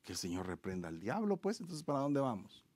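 A man's voice: mid-range voice, big pitch swings, fairly quick, darkish tone, no room sound. Earnest preaching man, dry close sound. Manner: earnest, moralizing, emphatic rhetorical questions. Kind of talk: preaching-style marriage talk.

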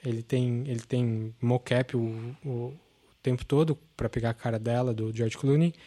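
A man's voice: mid-range voice, steady tone, moderate pace, mellow. Guy hosting a film podcast, gets really into it, rambly with lots of "assim". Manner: enthusiastic, rambling, many fillers. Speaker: podcast host. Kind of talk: casual film chat.

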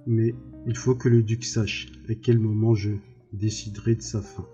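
A man's voice: fairly low pitch, flat delivery, moderate pace, warm tone, muffled recording, soft background music, natural voice. A man reading as a scheming cruel baron. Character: cruel scheming male baron, older, menacing.

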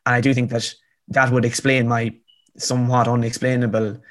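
A man's voice: medium pitch, little pitch movement, a little fast. A man in his twenties with a rural Irish accent, telling his story in an earnest, emphatic conversational way, repeating phrases for effect. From County Cavan, rural Ireland. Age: 20s. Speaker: interview guest, author.

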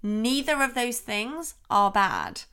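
A woman hosting a parenting podcast, calmly explaining child development and acting out what she says to her young daughter. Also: fairly high pitch, slow, clear, resonant tone. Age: adult, parent of a young daughter. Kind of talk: advice podcast monologue.

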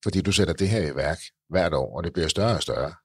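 Male host, very low voice, husky, hesitant, repeats words, encouraging. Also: lively intonation, dry recording, clean studio sound. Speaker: podcast host. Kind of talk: interview conversation.

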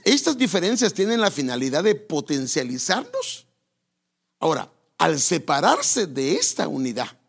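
On the high side and slightly rough, with vocal fry, a man's voice carries a sermon on marriage. The pastor talks to his listeners directly in a conversational way, correcting himself as he goes.

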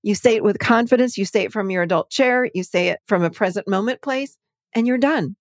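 Animated woman therapist, very dry sound. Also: mid-range voice, brisk, no room sound. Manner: animated, acts out clients' quotes in livelier voices. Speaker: therapist and podcast guest. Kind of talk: conversational interview.

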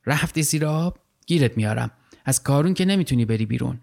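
A man's voice: medium pitch, animated, vocal fry, a little mellow. A man voicing a boastful, fierce male river fisherman who taunts his prey in a storybook reading. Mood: taunting.

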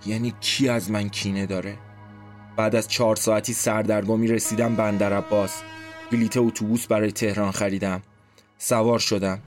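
Man narrating tensely over loud music. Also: fairly low pitch. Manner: tense inner monologue. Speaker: narrator and reader. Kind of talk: first-person scripted story narration. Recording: loud background music score.

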